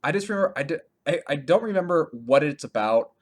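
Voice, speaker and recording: Co-hosting a video game podcast, this man has a fairly high, expressive voice and talks quickly. He rambles casually and frequently laughs mid-sentence.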